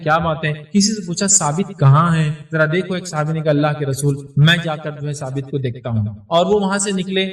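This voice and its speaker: Male preacher with a high voice, storytelling sermon, echoey and distant. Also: a bit bright. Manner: storytelling, acts out quoted voices. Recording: echoey room, heard from a distance.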